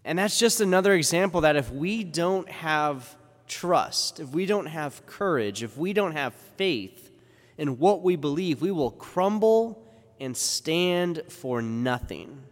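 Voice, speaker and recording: A man's voice: a little high, lively intonation, takes it slowly. Man preaching in a cathedral-like echo. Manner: rhetorical questions, informal asides. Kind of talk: Gospel reading and conversational homily. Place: large echoing church interior. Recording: cathedral-like echo, long hall reverb.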